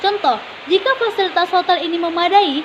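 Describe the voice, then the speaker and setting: A young woman, a student presenter, reading definitions and examples from a class presentation in an even way. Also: extremely high pitch, brisk, noisy background. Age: young adult.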